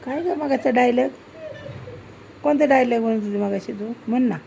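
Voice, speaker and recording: A woman's voice: a little high, moderate pace, vocal fry, warm tone, a little hiss or hum. A woman, casually chatting and teasing her daughter during a meal at home. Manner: teasing, coaxing, laughing often. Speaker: vlogger filming her daughter. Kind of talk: casual family chat.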